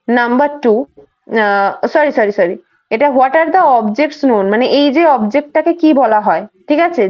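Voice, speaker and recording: A woman's voice: high-pitched, muffled recording. A woman teacher with a Bengali accent explains exam questions in an online class, reading English lines aloud and explaining them. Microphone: video call.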